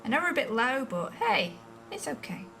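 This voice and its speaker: A woman from England talks through a flight simulator stream in a loose, chatty way, musing aloud and questioning her own choices. Her voice sits slightly high and a touch distant from the microphone. Soft background music plays quietly under her. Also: big pitch swings, normal speed. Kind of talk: casual live-stream commentary while playing a flight simulator. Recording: voice a bit distant from the mic, faint music behind.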